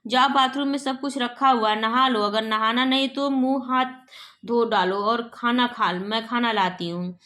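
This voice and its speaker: A woman's voice: a little high, normal speed, sharp tone. A woman reading aloud as a strict, sarcastic mother in a play. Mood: stern. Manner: scolding.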